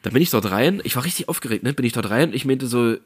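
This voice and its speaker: A man tells a story in relaxed conversation, bouncing his voice up and down and playing the other people in the story. His pitch sits at a middle height. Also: fast, husky. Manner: animated storytelling, acts out phone calls with raised voices. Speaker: storyteller in a casual chat. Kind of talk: casual chat.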